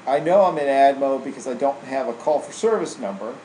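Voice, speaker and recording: This man gives a relaxed, informal software walkthrough, trainer-style, ending statements with "right?" as he goes. He speaks at a medium pitch with lively intonation and a slightly fast pace. It's a voice-over for a screen recording in an indoor room, with roomy echo and faint air-conditioning hum.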